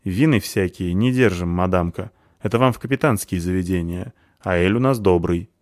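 A man's voice: low-pitched, moderate pace, dry recording, clean studio sound, natural voice. A man voicing a coarse, tattooed half-orc tavern waitress with rustic, folksy speech in an audiobook. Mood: indignant. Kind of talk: audiobook character voice.

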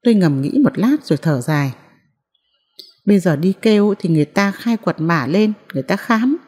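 A woman narrating a novel in the first person as an audiobook reader, in a measured, mournful way. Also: lowish voice, lively intonation, darkish tone, husky, big-room sound.

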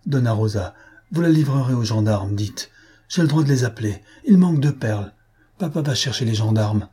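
A man voicing a spiteful young village woman who accuses loudly, in a storybook reading. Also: lively intonation, moderate pace, slightly rough. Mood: accusing. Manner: accusing and shrill.

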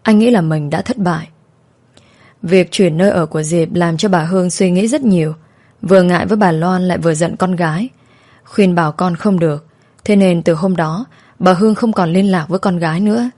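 A woman reading a story as scripted narration, in a calm, even manner. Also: lowish voice, a little fast.

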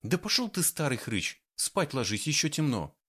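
A man putting on a high-voiced scolding woman, cross and snappy, for an audiobook. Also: big pitch swings, normal speed, a bit bright, husky, full character voice. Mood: snappish. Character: grumpy sharp-tongued woman, touchy.

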